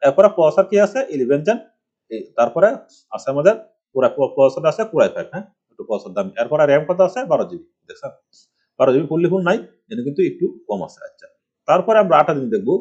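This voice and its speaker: Fast-talking husky man teaching computers. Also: fairly high pitch, sing-song, a little mellow, muffled recording. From Bangladesh. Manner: rambling, asks rhetorical questions. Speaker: computer course instructor. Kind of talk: screen-recorded computer tutorial. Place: village home.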